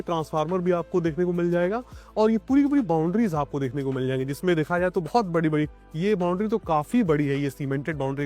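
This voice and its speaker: A man hosting an outdoor property tour, explaining things clearly and addressing viewers as friends. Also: a little high, a little mellow. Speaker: property video host. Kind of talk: on-site property tour interview. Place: outdoors at a plot site.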